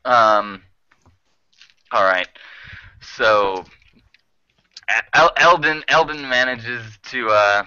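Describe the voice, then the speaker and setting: Bright-voiced hesitant game master. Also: male voice, medium pitch, expressive, very slow, long pauses, clean tone, no room sound, highs cut off. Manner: hesitant, many restarts. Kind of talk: narrating a tabletop game.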